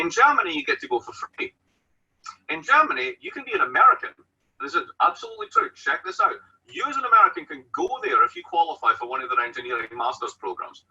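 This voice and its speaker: A man's voice: medium pitch, bright, forceful tone, husky, recorded from a distance. A man with a broad Scottish accent, an economics professor arguing bluntly and colloquially, asking and answering his own questions. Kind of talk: animated spoken argument. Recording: dull radio-like sound, off mic.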